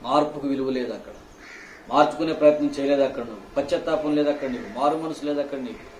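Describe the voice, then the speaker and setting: A male pastor preaching a sermon, scolding his listeners with rhetorical questions, swinging between loud outbursts and hushed low phrases. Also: racing, recorded from a distance. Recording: echoey hall, faint room noise.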